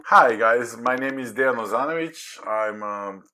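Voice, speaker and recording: A man in his forties from Croatia, chatting casually as a podcast guest in halting English with many fillers. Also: medium pitch, pushed and bright, a little hiss or hum. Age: 40s. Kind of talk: casual chat.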